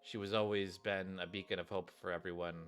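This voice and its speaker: A man streaming a game talks fairly quickly in a low, fairly bright voice with a flat delivery. Game music plays as he casually rambles to viewers, commenting and reading the story text aloud.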